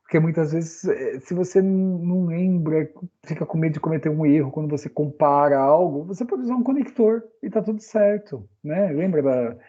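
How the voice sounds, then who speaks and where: A Brazilian man gives a casual online English lesson, talking in a loose, chatty way and checking in with his listeners often. His voice is dark and mellow. The recording sounds a little dull and lo-fi. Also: on the high side, normal speed. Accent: Brazilian Portuguese. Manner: chatty, frequent "né?" tag questions. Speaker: English teacher.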